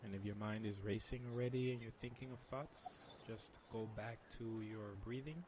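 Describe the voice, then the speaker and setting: A man leading a guided meditation in a soft, hushed, soothing voice, slowly and with long pauses. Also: lowish voice, fairly even intonation, noisy background. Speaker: meditation guide, interview guest.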